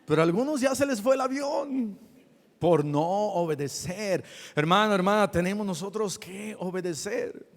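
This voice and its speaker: A man's voice: high-pitched, moderate pace, creaky, long reverb tail. A man preaching a sermon as a pastor, telling stories and acting out the people in them. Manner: animated storyteller, acts out the people in his stories.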